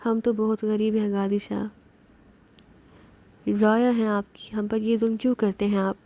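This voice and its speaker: A woman's voice: mid-range voice, flat delivery, dark tone, close to an everyday voice. A woman voicing a poor male servant who asks anxiously what is happening. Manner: anxious, pleading.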